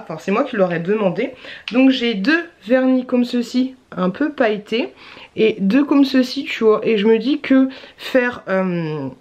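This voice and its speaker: A young adult woman vlogging in a chatty, rambling way, full of slang and fillers. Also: fairly high pitch. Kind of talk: casual chat.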